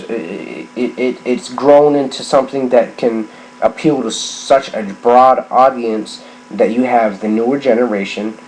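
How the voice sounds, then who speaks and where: A drunk middle-aged man on a rambling, casual gaming rant, halting and repeating himself as he circles back on phrases. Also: on the low side, a little mellow. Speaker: gaming vlogger. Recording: clearly noisy background ambience.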